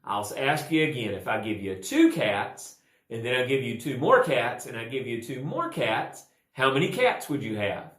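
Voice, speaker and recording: A man voicing a schoolteacher who grows exasperated with a pupil, his voice pushed higher. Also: very animated, normal speed, fairly bright tone. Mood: patient. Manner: rising to a high exasperated pitch. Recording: roomy echo.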